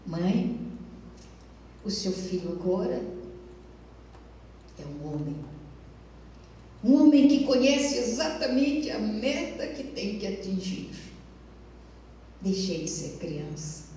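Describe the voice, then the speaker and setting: A woman's voice: medium pitch, big pitch swings, slow, long pauses, mellow, slight background noise. A woman voicing an earnest young man just out of a sanatorium, pleading and insistent with his mother, recorded with a far mic in an echoey hall.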